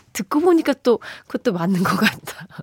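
A woman's voice: a little high, huge pitch swings, moderate pace, slightly rough, dry recording. Chatty, giggly woman radio DJ. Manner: chatty, giggly, reads listener messages. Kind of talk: casual radio hosting. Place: radio studio. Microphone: studio microphone.

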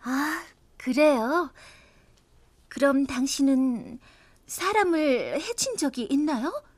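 Plucky young mage girl, high voice, very expressive audio drama heroine. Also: takes it slowly. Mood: hesitant, probing. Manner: expressive, exclamatory. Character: spirited, outspoken young heroine, a mage's pupil. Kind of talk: animated audio drama acting.

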